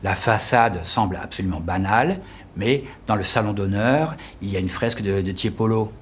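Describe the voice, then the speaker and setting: A middle-aged man from France with a somewhat low voice chats thoughtfully, pausing and restarting as he gathers his words. Faint ambient noise sits behind him. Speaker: French teacher living abroad. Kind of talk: casual interview chat.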